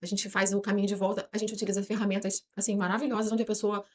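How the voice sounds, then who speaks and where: A woman with a Brazilian Portuguese accent and a mid-range voice talks at a racing pace, with a little hiss or hum in the audio. As a guest on a self-knowledge podcast, she explains her views at length in a lively way, acting out and voicing what people tell themselves in their thoughts.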